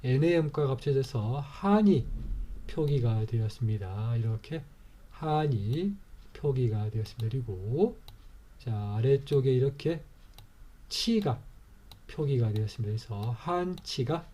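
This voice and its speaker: A man's voice: mid-range voice, expressive, unhurried, dark tone, a little hiss or hum. A middle-aged man teaching a lecture step by step, patient and repetitive, explaining each part methodically. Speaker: teacher and author.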